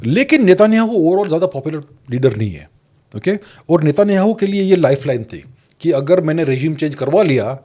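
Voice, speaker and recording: Mellow-voiced Indian man analysing world affairs. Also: a little high, lively intonation. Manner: measured, mixes Hindi with English phrases, restarts words. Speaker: guest geopolitics commentator. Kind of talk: podcast interview analysis.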